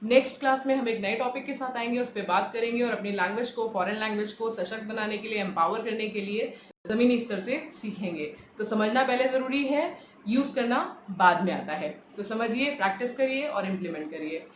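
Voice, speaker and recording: A woman's voice: a little high, brisk. A woman teaching a beginner French lesson online, explaining patiently, mixing in English phrases and often checking with "right?". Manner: mixes English phrases into her speech. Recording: echoey room with faint ambient noise.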